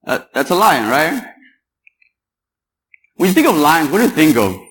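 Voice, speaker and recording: A man's voice: a little high, sing-song, moderate pace, a bit bright, rough recording. A young man from Paraguay giving a chatty, joking talk at a security conference and quizzing the audience. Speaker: conference speaker. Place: conference hall.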